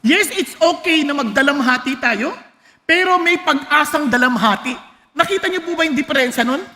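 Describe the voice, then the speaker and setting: High bright Filipino pastor preaching. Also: male voice, normal speed. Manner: switches between Tagalog and English, laughs and jokes with the congregation. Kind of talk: sermon. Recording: long hall reverb.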